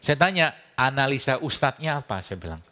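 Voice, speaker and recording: A man giving a lively, conversational sermon as a preacher and doctor. He jokes, laughs often and acts out the dialogue of his anecdotes. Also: mid-range voice, brisk.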